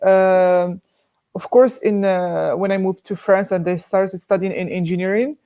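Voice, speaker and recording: A man's voice: high voice, fairly even intonation, measured pace, mellow, smooth. A young man from Morocco, an engineering student answering interview questions hesitantly, with many fillers.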